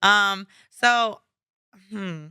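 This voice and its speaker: Woman, podcast host, playful, teasing, crisp, dry close sound. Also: mid-range voice, drawn-out words, sharp tone, no echo. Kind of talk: casual interview chat.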